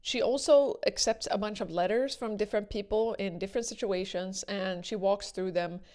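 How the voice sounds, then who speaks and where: A woman speaks in an average-pitched voice, giving casual opinion commentary straight to her viewers. Her manner is earnest and emphatic, and she stresses points by repeating words. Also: normal speed, darkish tone, soft background music. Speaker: video commentator.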